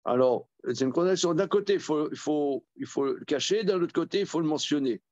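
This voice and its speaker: A man, a rabbi, teaching a Torah study class. He reads verses aloud, then explains them in a halting way with many repeated words. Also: a little high, darkish tone, no room sound, dull audio. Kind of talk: Talmud study lesson.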